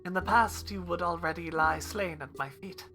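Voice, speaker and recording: A woman's voice: normal speed, faint music behind. Woman doing a brooding pirate admiral. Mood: solemn. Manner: low, solemn and quiet. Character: proud brooding male pirate admiral, exiled prince.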